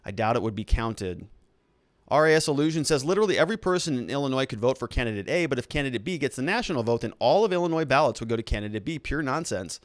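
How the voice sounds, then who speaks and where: Male live-stream political commentator, crisp and dry-sounding, conversational with rambling asides. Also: mid-range voice, no room sound.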